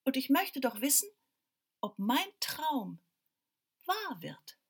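A woman's voice: sits high, big pitch swings, takes it slowly, husky, pitched above the performer's own voice, heavily acted. A woman playing a sleepy little tailor. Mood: earnest.

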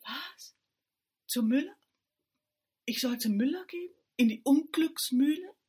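A woman voicing a timid but brave young girl in a fairy tale. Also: breathy edge. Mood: alarmed. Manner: high and quick when alarmed, hushed when resigned.

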